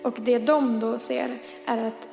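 A woman's voice: fairly high pitch, fairly even intonation, creaky, mellow, soft background music. A woman in her twenties telling a personal story in a chatty way, full of fillers and acted-out dialogue. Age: 20s. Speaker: podcast co-host. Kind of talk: casual storytelling.

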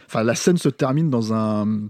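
A man with a warm, mellow voice talks through a film review in casual podcast chat. He restarts his sentences often and hesitates as he searches for words. The sound is close and dry, with no room around it. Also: medium pitch, dry recording. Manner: halting, frequent restarts and hesitations.

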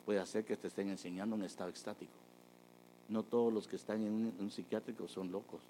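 A man preaching a testimony, telling a story with lively energy and acting out the people he quotes. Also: fairly low pitch, a little fast, slight background noise, rough recording. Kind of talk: sermon testimony.

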